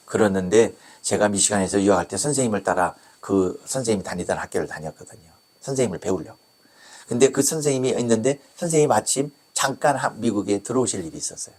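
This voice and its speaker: A man preaching a storytelling sermon as a pastor, acting out the people in his story with sudden jumps in his voice. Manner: animated, acts out quoted voices with big pitch jumps.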